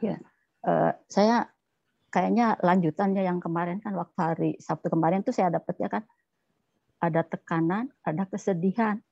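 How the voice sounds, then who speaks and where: A woman's voice: fairly low pitch, normal speed, vocal fry, warm tone, no echo, lo-fi sound. A woman in an online class sharing a personal testimony, telling it in an emotional, rambling way over a video call.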